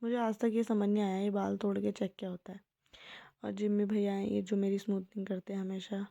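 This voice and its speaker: A young woman narrating a casual vlog voice-over in a soft, hushed, chatty way. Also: medium pitch, little pitch movement, brisk, vocal fry, no room sound, lo-fi sound. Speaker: vlogger.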